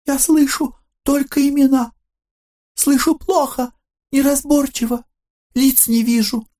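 A man voicing a solemn, tearful young female fortune-teller who speaks slowly in a hushed, otherworldly way. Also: extremely high pitch, fairly even intonation, voice pushed up. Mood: ominous.

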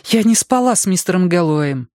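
A man's voice: high voice, expressive, moderate pace, a little mellow, no echo, clean studio sound, pitched above the performer's own voice. A man reading a story, voicing a nervous young female office worker who denies everything. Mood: defensive. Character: nervous young woman clerk, defensive.

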